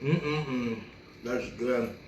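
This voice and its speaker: A man's voice: mid-range voice, extremely slow, roomy sound, slight background noise, low-quality recording. Chatty man hosting a home cooking show. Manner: talks while chewing, relaxed and chatty. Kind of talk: casual cooking video chat.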